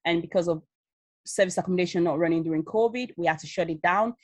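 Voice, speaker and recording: Quick-paced and on the low side, this woman's voice comes through with no room sound. She's an Amazon seller in her thirties from Leeds, a guest in a casual video-call interview telling her story. Her Yorkshire accent has Nigerian touches, and she laughs a lot, uses many fillers, and stays animated.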